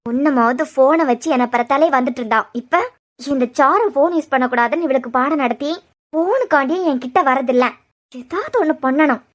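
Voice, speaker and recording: A cruel, scheming young bride-to-be from a cartoon serial, voiced by a woman, speaking in a Kanyakumari Tamil accent. Her voice sits very high and shrill. She scolds and threatens in a sneering, bossy way. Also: fairly quick, lightly acted.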